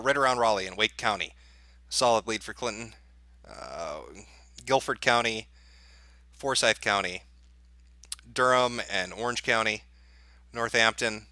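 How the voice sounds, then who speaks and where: Thinking aloud while reading election results, a man hosts a livestream as an improvised election night analyst in casual commentary. His voice sits on the low side and sounds pushed and bright, recorded without any room sound.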